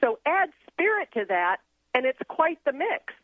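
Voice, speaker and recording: A woman who grew up in Thailand, a guest on a radio show, explaining her ideas in an earnest, steady way. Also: sits high, unhurried, no room sound. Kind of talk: casual radio interview. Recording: tinny phone line.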